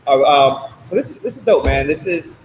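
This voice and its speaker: A man's voice: a little high, lively intonation, normal speed. A man hosting an interview in casual, informal, slangy chat. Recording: roomy echo with background noise.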